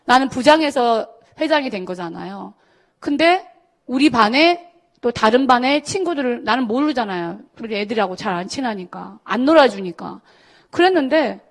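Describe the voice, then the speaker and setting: A middle-aged woman pastor preaches to a youth service, telling her own story with lively swings of pitch. Her voice sits fairly high, and she jumps into the voices of the people in her story as she goes. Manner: animated storytelling, acting out quoted voices. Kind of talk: sermon testimony to students. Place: church service.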